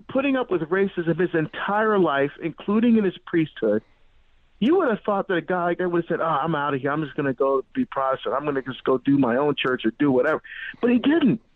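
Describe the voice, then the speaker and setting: A man's voice: a little high, no echo. Middle-aged man on a tinny phone line. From born in Barbados, grew up in New Jersey. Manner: animated storyteller, many restarts and fillers. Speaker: guest. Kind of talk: radio interview.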